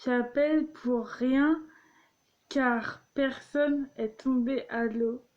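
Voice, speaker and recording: A woman's voice: high-pitched, steady tone, extremely slow, dull audio. A young woman reading jokes aloud and explaining them, giggling often and tripping over her words. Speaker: vlogger.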